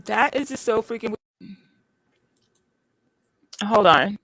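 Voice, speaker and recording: A woman's voice: medium pitch, animated, takes it slowly, a bit bright, dry recording. A woman co-hosting a casual live stream over an online call, her audio glitching and sounding robotic as it breaks up. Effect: glitchy, robotic-sounding call audio that keeps breaking up. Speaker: co-host.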